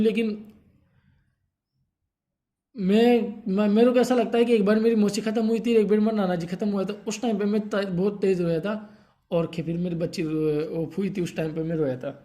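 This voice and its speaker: A young man telling a painful personal story in a halting, grief-stricken way, stopping often to soothe someone beside him. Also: high voice, fairly even intonation, warm tone. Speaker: vlogger telling his story.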